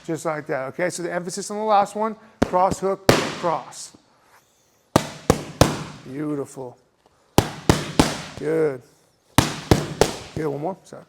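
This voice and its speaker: A man's voice: a little high, moderate pace, gravelly, long pauses. A man coaching boxing, calling out punch combinations in short commands during a hands-on demonstration. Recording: very noisy, sharp pops and clicks.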